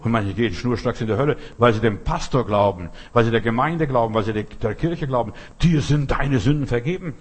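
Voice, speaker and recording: Husky German man preaching emphatically. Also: lowish voice, quick pace, few pauses. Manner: emphatic, repetitive, rising to loud outbursts. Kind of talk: sermon.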